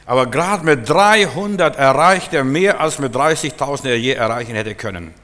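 Male preacher, emphatic sermon, acts out Bible scenes, mid-pitched voice, long hall echo. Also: normal speed, a bit bright.

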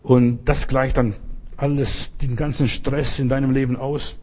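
A man's voice: medium pitch, little pitch movement, a little slow, dark tone. A man preaching a sermon as pastor, speaking directly to each listener and often checking whether they follow. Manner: conversational, addresses the listener directly and keeps asking if they follow.

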